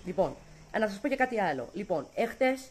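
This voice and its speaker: A woman's voice: mid-range voice, very animated. Chatty woman in her late thirties vlogging. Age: late 30s. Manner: chatty, talks straight to viewers, teasing asides. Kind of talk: casual family vlog. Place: home and outdoor tavern at night.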